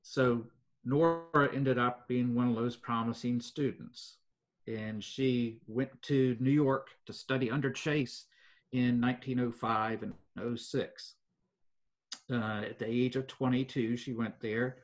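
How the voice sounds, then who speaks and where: An older man, telling local history in an interview at an even pace with many fillers. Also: mid-range voice. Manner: measured storytelling with frequent fillers. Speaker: foundation president, guest.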